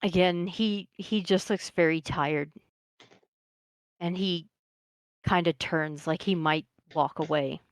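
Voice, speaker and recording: Wry, low-voiced woman player. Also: fairly even intonation, slow, long pauses, no echo. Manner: dry, wry asides. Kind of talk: narrating her character at a tabletop game.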